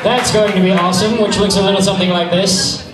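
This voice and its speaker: A man's voice: sits high, flat delivery, fast, heavy background noise. A man hosting a burlesque show on stage, projecting into a handheld microphone with bawdy, teasing, profane showman's patter. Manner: projecting loudly to a live audience. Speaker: burlesque show host and raffle emcee. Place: on stage in a theatre-like venue. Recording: echoey hall from far off, loud crowd.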